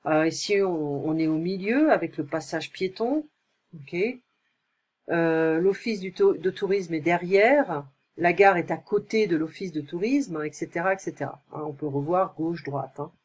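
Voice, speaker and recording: A woman teaching in a recorded tutoring lesson, explaining slowly and checking in often with short questions. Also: fairly low pitch, darkish tone. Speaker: French teacher.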